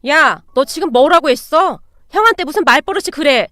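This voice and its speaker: A woman's voice: sits high, animated, moderate pace, fairly bright tone, no room sound. A woman voicing a grown man's blunt, scornful older brother in a storybook reading. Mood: scolding. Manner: brusque, demanding.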